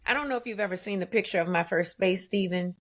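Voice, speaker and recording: Animated, emphatic woman telling a story. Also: medium pitch, fast talker. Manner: animated and emphatic, with vivid asides. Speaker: guest, spa owner. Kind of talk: conversational storytelling.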